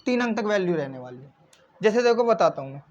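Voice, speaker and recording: A man's voice: high voice, sing-song, fast, slight background noise. Man teaching maths, dull lo-fi sound. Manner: explains step by step, asks questions and answers them himself, repeats key points; addresses viewers as friends. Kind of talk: classroom-style maths explanation. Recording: slightly dull lo-fi recording.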